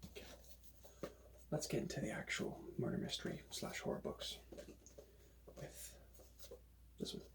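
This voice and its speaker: A man doing a whispered role-play as a librarian recommending books, in a hushed, breathy library whisper. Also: unhurried, pauses often, background noise.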